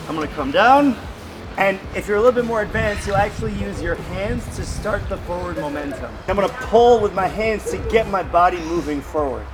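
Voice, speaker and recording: A man in his thirties coaching a group through a demonstration outdoors at a swimming pool, projecting his instructions. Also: sits high. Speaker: swim coach and presenter. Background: background music.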